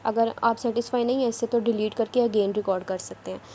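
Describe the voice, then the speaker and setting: Woman with a mellow voice giving app instructions. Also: on the high side, fairly even intonation, fast, slight background noise. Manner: repetitive, instructive, a bit scolding. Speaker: online work trainer. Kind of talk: screen-recorded tutorial.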